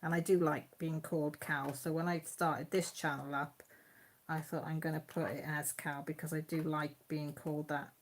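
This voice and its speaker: Her pitch sits low with little movement, and she talks at a normal speed while slight noise hums behind her. She's a YouTube host from Mid Wales with a Radnorshire accent, keeping a live chat casual as she reads out comments. Homely and talkative, she laughs often.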